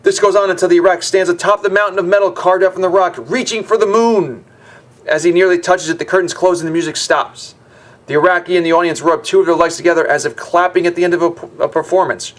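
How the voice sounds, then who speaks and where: A man's voice: high voice, quick pace. A man hosting a gaming video, reading game lore aloud and breaking off for chatty, wry asides.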